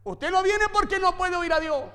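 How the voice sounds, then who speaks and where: A man's voice: very high voice, normal speed, bright, forceful tone, long reverb tail. A man preaching a sermon as pastor, emphatic, with repeated phrases and rhetorical questions to the congregation. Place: church.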